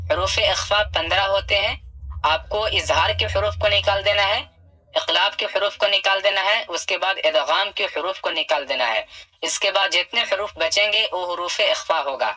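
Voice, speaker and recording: A man teaching Quran reading step by step. He talks patiently, draws out key sounds slowly, and asks and answers his own questions. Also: sits high, bright, forceful tone, low-quality recording. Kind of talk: step-by-step recitation lesson.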